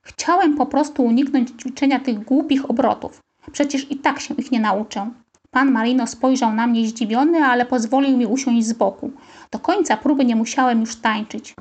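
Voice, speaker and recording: Woman reading a kids' story out loud, expressive, voice on the high side. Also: normal speed. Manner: lively, expressive. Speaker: audiobook reader. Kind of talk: children's story narration.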